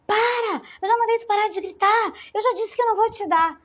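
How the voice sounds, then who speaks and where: A woman acting out an exasperated mother who shouts and scolds her child. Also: extremely high pitch, brisk, voice pushed up. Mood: scolding.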